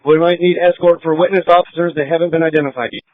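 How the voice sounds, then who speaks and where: A man's voice: fairly high pitch, fairly even intonation, no room sound. Man giving orders over police radio. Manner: brisk, clipped radio codes. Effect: police radio transmission. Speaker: police officer commanding a scene. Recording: tinny dry police radio.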